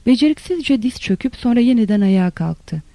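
A narrator reading a literary novel in a steady, even storytelling manner. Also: mid-range voice, fairly quick, no echo. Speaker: audiobook narrator.

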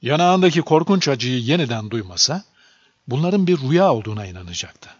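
Man reading a storybook, lively. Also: mid-range voice, a little fast, no room sound. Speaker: audiobook narrator. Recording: dull lo-fi dry recording.

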